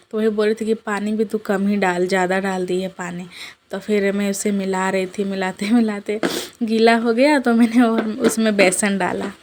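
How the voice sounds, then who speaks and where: A woman's voice: medium pitch, slight background noise, low-quality recording. A young woman telling her day in a chatty vlog voice-over, talking to viewers as friends. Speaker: vlogger. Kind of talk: casual vlog voice-over narration. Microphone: voice-over dubbed at home.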